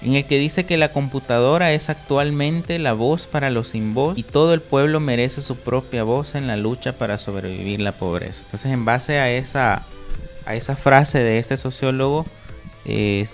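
A man's voice: medium pitch, normal speed, creaky, faint music behind. A man, a foundation representative answering radio interview questions with many hesitant fillers. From El Salvador.

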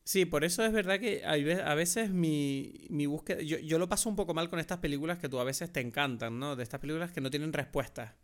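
A man with a Spain Spanish accent talks films in a relaxed chat, words tumbling out at a rapid clip. His voice sits a touch high for a man, and he argues his points with emphatic, casually profane energy. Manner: quick, emphatic, swears casually.

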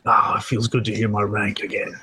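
A man's voice: on the low side, completely flat delivery, a little fast, sharp tone, slight background noise, poor audio. A man playing a tabletop role-playing game, bantering casually and speaking in character.

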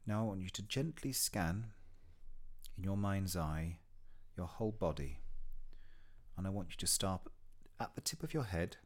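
A man leading a guided mindfulness meditation in a soft, hushed, soothing delivery, with gentle short phrases and long pauses between them. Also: low-pitched. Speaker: meditation guide and podcast host.

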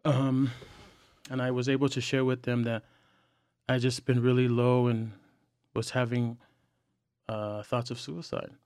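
Young man, podcast guest, earnest and halting, dry close mic. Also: medium pitch, level tone, darkish tone, clean tone, dry recording. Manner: earnest, halting with frequent fillers and restarts. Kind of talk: candid personal sharing.

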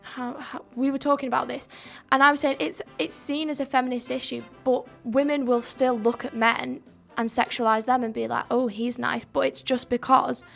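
A woman's voice: sits high, level tone, normal speed, gravelly, few pauses, fairly bright tone, soft background music. A young woman co-hosting a homemade radio show, speaking earnestly in long run-on sentences. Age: young adult. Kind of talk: casual discussion.

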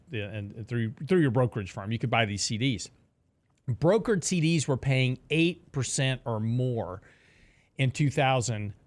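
A middle-aged man hosting a casual financial talk show, explaining with rhetorical questions and asides. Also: medium pitch. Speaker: radio show host.

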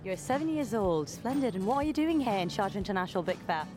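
A woman's voice: mid-range voice, animated, fast, music in the background. Upbeat woman reporter at a book fair. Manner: upbeat, chatty, laughs easily. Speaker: roving reporter. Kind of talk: vox-pop interviews.

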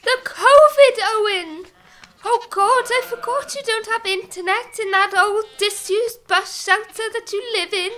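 A woman voicing a fussy farm woman who exclaims in exasperation with drawn-out words. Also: extremely high pitch, fairly even intonation, bright, forceful tone.

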